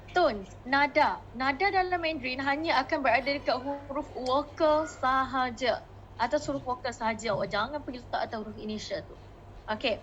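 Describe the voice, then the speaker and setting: A woman's voice: high-pitched, a bit bright, highs cut off, a little hiss or hum. A woman with a Malaysian Malay accent teaching a Mandarin class, coaxing students and modeling the tones as she mixes languages.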